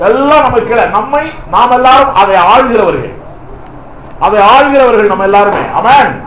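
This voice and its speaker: A man's voice: extremely high pitch, animated, moderate pace, fairly bright tone, a little hiss or hum. A male pastor preaching a fervent sermon, firing rhetorical questions at the congregation and punctuating with hallelujah and amen. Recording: echoey hall.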